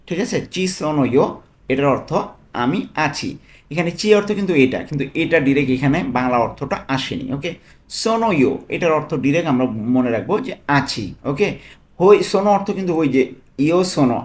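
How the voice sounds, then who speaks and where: A man with a Bangladeshi accent, working as a language tutor. He explains phrases patiently, repeating each one slowly and checking in with "okay?". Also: on the high side, lively intonation. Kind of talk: explaining Italian phrases in Bengali.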